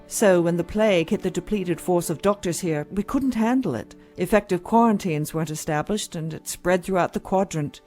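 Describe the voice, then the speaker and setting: Woman acting a jaded, mellow-voiced hospital doctor. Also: lowish voice, moderate pace, hardly any pauses, soft background music, close to an everyday voice. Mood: weary, frustrated. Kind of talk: audio drama acting.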